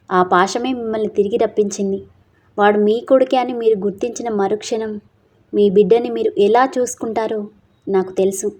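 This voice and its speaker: A woman voicing a kind, patient older woman who runs an orphanage and speaks in a soft, coaxing tone. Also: mid-range voice, natural voice. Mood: gentle.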